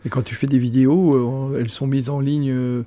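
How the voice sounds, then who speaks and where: A man's voice: medium pitch, flat delivery, brisk, mellow. A man hosting an interview, asking questions and filling the gaps with short agreeing words. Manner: brief affirming backchannels. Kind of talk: casual interview.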